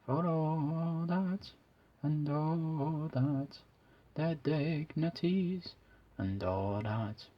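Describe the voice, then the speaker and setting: A man speaks in a hushed ASMR whisper, his voice airy and husky. He talks very slowly, letting each phrase drift out. The recording sounds dull and muffled. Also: on the high side. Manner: soft whispering. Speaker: ASMR YouTuber.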